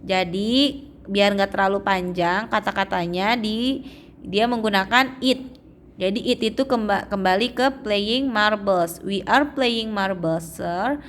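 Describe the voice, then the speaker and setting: A young adult woman teaching English to children, drawing out example phrases slowly and checking in often. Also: medium pitch, a bit bright, a little hiss or hum. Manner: slow, drawn-out reading of English phrases, frequent "ya" checks. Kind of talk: explaining English lesson to children.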